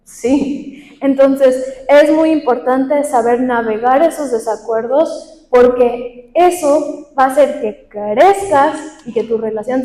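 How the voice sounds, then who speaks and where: A woman's voice: high-pitched, dark tone. Woman teaching a workshop in an echoey hall. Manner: asks the audience questions and acts out examples. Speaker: workshop presenter. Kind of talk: leadership and communication workshop talk. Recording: echoey hall with long reverb.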